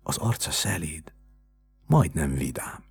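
A man narrating a story in a measured, hushed way, as scripted narration. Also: rumbling low, sing-song, vocal fry, breathy edge, soft background music.

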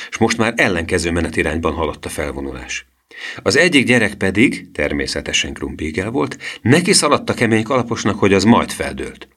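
A man narrating a children's storybook in an expressive reading style. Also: low voice. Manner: expressive reading with lively voice swings. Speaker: audiobook narrator.

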